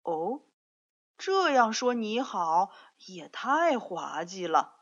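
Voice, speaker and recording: A woman's voice: medium pitch, sing-song, drawn-out words, heavily acted. A woman voicing a friendly, polite male lion in a storybook reading, speaking mildly and courteously. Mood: puzzled. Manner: mild, courteous, puzzled. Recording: dull lo-fi recording.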